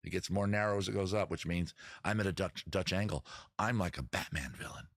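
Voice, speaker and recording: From his backyard at home, a man hosts a live music and chat show, rambling casually to viewers with self-deprecating humor, swearing freely and breaking into some improvised singing. His voice is low-pitched, brisk and fairly bright. The recording is clean studio sound with no echo.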